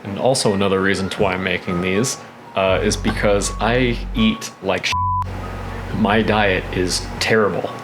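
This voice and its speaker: A man's voice: low voice, steady tone, normal speed, over music. A man casually narrating his cooking at home, rambling in a laid-back, profane way. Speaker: host of a cooking vlog. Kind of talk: casual chat while cooking, narrating each step. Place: home kitchen.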